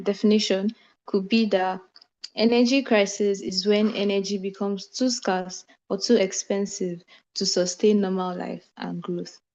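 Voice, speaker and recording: Woman, student presenter, mid pitch, steady and explanatory, dull screen-recorded video call sound. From Nigeria. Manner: steady explanatory delivery with brief self-corrections. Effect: screen-recorded video call audio. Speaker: mentee group presenter. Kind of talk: online class presentation. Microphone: computer microphone on a video call.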